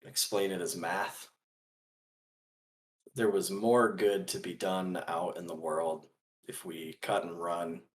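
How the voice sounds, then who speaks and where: A man playing a principled, earnest gunslinger in a tabletop role-play, speaking deliberately in halting phrases. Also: low voice, slight background noise.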